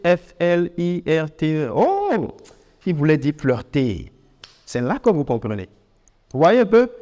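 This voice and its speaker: Animated African French man teaching, with reverb. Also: a little high. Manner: animated, repeats words for emphasis, many fillers. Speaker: English teacher. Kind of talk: informal spoken lesson.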